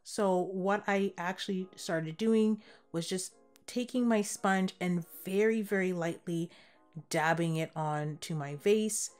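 Young adult woman, slightly low voice, DIY tutorial voice-over, step-by-step explaining, faint background music. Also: takes it slowly, darkish tone. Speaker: DIY home decor creator.

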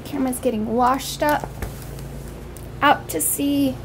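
A young adult woman with a high-pitched voice and fairly even intonation reads a picture book slowly, describing its pictures and asking young children simple questions full of wonder. The home recording, made in a small indoor room, is rough and has noticeable background noise.

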